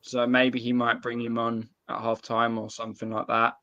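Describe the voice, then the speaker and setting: A man's voice: medium pitch, completely flat delivery, normal speed, sharp tone. A man chatting casually as a guest football fan, on dull lo-fi call audio. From Essex, England.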